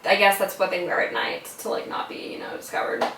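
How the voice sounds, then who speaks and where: A young American woman recounts a story in loose, everyday talk, peppered with "like" and swearing. Her voice is bright and forward. The recording is roomy, with the mic set back from her. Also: mid-range voice, expressive, brisk, gravelly, a little hiss or hum. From United States. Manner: casual, swears freely, filler "like" throughout. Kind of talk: casual personal storytelling. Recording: roomy sound from a distant mic.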